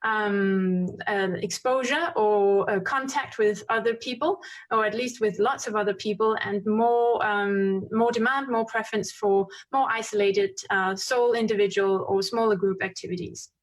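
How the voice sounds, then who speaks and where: A woman giving a conference talk, walking listeners through her slides at a brisk pace. Her delivery is full of ums and restarts, and her pitch sits in an ordinary middle range. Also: fairly even intonation. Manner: fast-paced with frequent fillers and restarts. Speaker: conference speaker. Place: conference stream.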